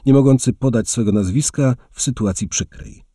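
A man's voice: mid-range voice, normal speed, dark tone, dry recording, clean studio sound, pitched above the performer's own voice, natural voice. A male narrator voicing a boastful, elegant young adventurer who speaks grandly. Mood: cheerful boastful. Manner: bold, grandiose.

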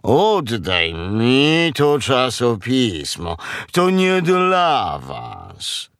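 A man voicing a calm, grumbling cow in a storybook reading, drawn-out and murmuring. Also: mid-range voice, smooth, dry recording, clean studio sound, full character voice. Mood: curt.

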